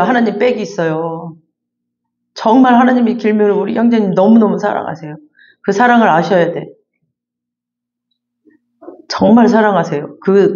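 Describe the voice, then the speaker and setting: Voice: mid-range voice, a little mellow, highs cut off. A pastor preaching a fervent, repetitive sermon and then leading a closing prayer in a church sanctuary.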